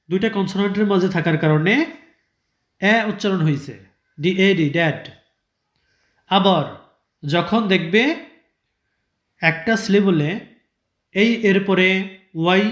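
A man's voice: high-pitched, fairly bright tone, echoey room. A man teaching English pronunciation in a patient, step-by-step way, spelling out each example word letter by letter and repeating it. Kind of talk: step-by-step classroom explanation.

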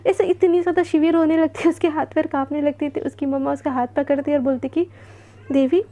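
A woman narrates a love story like she is chatting with friends. Her voice is high and warm, with a dark, soft tone. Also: level tone, quick pace. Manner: chatty, conversational.

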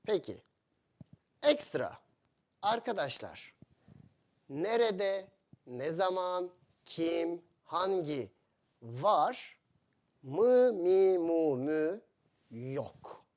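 A man's voice: on the high side, big pitch swings, darkish tone. A man teaching a lesson for foreign learners, speaking in short, simple phrases and repeating each example. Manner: slow, simple phrasing with many repetitions and questions to learners. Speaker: Turkish teacher.

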